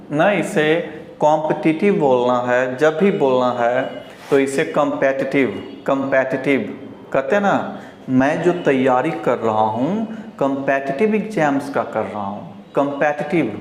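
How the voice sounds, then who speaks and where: An Indian man from Bihar teaching English pronunciation, slowly repeating each word several times and drawing out the model words. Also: on the high side. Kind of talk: pronunciation lesson. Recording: roomy echo, faint background hiss.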